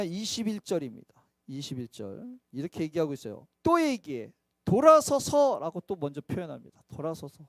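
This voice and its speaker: High-pitched lively Korean pastor preaching. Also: male voice, no room sound, studio quality. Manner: asks the congregation questions and answers them himself; acts out biblical figures' words in quoted asides. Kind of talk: sermon.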